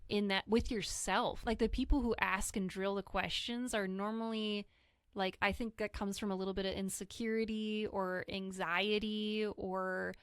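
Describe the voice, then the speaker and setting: This guest opens up about her grief on a podcast, earnest and reflective, occasionally voicing the words other people spoke to her. Her medium-pitched voice is smooth and level at a normal pace, captured in a dry, studio-quality recording.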